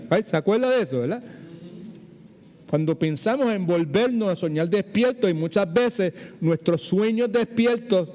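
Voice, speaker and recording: Puerto Rican pastor in a reverberant hall. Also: male voice, high-pitched, warm tone. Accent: Puerto Rican Spanish. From Puerto Rico. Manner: chatty, digressive, mixes English words into Spanish. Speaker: pastor teaching a Bible study. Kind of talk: informal sermon teaching.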